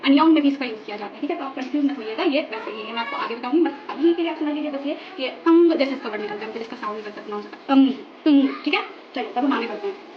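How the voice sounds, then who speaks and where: A woman's voice: sits high, rapid-fire, muffled recording, a crowd in the background. A woman teaching a language lesson in a chatty, patient way, mixing English words into her Hindi. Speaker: language tutor. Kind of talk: casual spoken lesson.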